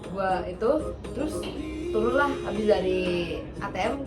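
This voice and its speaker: A woman, casually telling a story on a podcast, animated and acting out the quotes. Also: mid-range voice, normal speed, distant mic. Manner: animated, acts out quotes, laughs often. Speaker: podcast host. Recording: roomy, off-mic, music behind.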